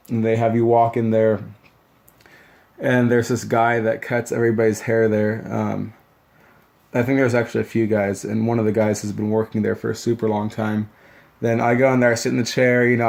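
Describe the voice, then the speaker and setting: A man's voice: lowish voice, vocal fry, darkish tone. A young man telling a loose, rambling story about boot camp, full of fillers and restarts. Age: young adult. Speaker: new Marine recalling boot camp. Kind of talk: casual storytelling vlog.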